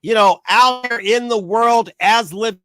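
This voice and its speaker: A middle-aged man with a fairly high voice tells a story to camera in a loose, ranting way. He acts out the people he quotes. The sound is dry and close. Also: a little slow, a bit bright, dry recording. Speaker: vlogger telling a story. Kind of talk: casual rant to camera.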